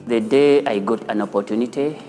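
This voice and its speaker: This man, who has a Ugandan accent, speaks a little fast in a mellow, mid-range voice with a long reverb tail. He is the founder of an animation studio, giving an interview and studio tour for a filmed news profile. Music plays in the background.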